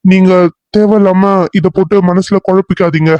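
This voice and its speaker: Heartbroken young police officer in a cartoon serial, voiced by a man; tearful, halting, fairly high voice. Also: steady tone, mellow, no room sound, muffled recording, lightly acted. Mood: denying. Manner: halting, denying his feelings.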